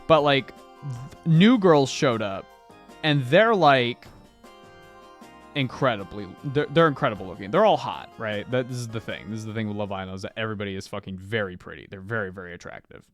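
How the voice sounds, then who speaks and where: A man streaming live while he paints miniatures, chatting casually and swearing freely, with sudden loud bursts of excitement. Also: fairly low pitch, brisk, faint music behind.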